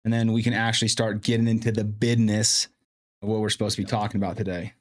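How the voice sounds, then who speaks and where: A man's voice: lowish voice, flat delivery, fast talker. A man hosting a casual live stream, thinking aloud as he troubleshoots his mic and sound setup. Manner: chatty, thinks aloud while fixing audio. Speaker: livestream host. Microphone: streaming mic with in-ear monitoring. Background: faint background music.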